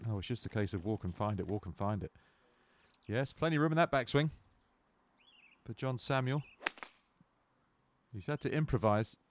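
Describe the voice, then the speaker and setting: A man's voice: lowish voice, moderate pace, long pauses, slight background noise. A man giving wry golf commentary with dry, playful understatement.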